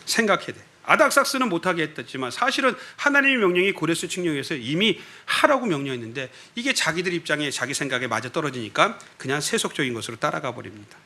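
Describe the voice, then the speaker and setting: A male pastor delivers a lively Sunday sermon with a high, piercing voice. His pitch swings widely as he keeps throwing questions back at the congregation. He is preaching at a church worship service. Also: quick pace, few pauses. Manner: animated, with frequent rhetorical questions to the congregation.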